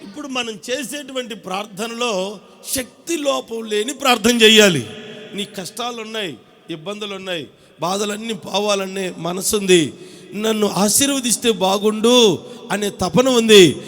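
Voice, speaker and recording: High-voiced man preaching in a reverberant hall. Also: unhurried, fairly bright tone. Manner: impassioned preaching with rhetorical questions and call-and-response. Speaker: pastor. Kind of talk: sermon. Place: church hall.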